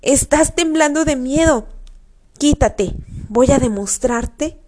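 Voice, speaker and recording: A woman voicing a mocking younger brother, a young boy with a high, bratty voice. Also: slow pace, darkish tone. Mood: taunting. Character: taunting boy, the pesky little brother.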